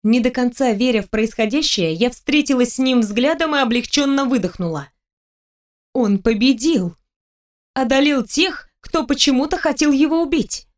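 A woman's voice: sits high, normal speed. Woman narrating a fantasy audiobook. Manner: expressive storytelling, with the heroine's lines read in her own voice.

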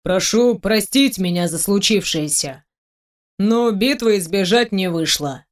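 A woman's voice: mid-range voice, animated, measured pace, close to an everyday voice. A woman voicing a courteous wounded young swordsman. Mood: earnest, composed. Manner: formal, polite address. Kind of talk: audiobook character voice.

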